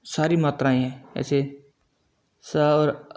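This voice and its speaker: Brief: middle-aged male teacher, slightly high, even-toned delivery, patient and methodical, stretches out example syllables. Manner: slow, explanatory, drawing out sounds as examples. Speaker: Hindi grammar teacher. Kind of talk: classroom-style grammar lesson.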